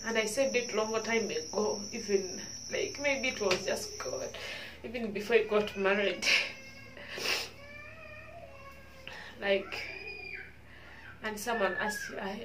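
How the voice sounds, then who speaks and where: A woman's voice: medium pitch, far from the mic, background noise. A young woman talking to camera in an emotional personal vlog, crying and laughing through her words. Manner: tearful, breaking into laughs and sobs. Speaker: vlogger.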